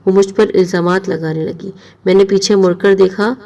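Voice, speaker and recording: A woman's voice: mid-range voice, steady tone, darkish tone, recorded from a distance. A woman narrating a dramatic first-person story in an emotional storytelling manner.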